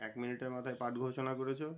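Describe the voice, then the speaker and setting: A man acting as examiner who gives hesitant feedback on a demo class, filling pauses with "um" and "ah". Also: medium pitch, monotone, lo-fi sound. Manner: hesitant, with many fillers. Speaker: interview examiner. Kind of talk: giving feedback.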